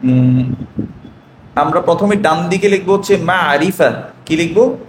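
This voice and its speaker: A man's voice: a little high, a little slow, roomy sound, slight background noise. Bengali-accented male teacher quizzing his class. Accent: Bangladeshi Bengali. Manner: asks the class questions and answers them himself. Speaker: Arabic teacher. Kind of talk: classroom lesson, question and answer.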